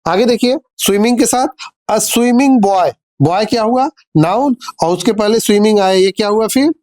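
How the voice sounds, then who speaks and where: Patiently teaching English grammar in a classroom-like lesson, a man speaks in a high-pitched, slightly mellow voice. He asks questions and supplies the answers, calls the viewers dear children, and delivers English example sentences slowly and deliberately.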